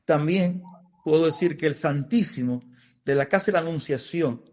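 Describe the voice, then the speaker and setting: Earnest Dominican priest, slightly high voice. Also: male voice, moderate pace, darkish tone. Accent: Dominican Spanish. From Dominican Republic. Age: middle-aged. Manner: earnest, emotional storytelling with repetitions. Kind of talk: interview testimony.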